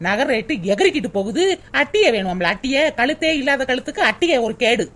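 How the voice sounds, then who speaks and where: A woman voicing a sharp-tongued young daughter-in-law in a cartoon, grumbling sarcastic asides. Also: high-pitched, lively intonation, brisk.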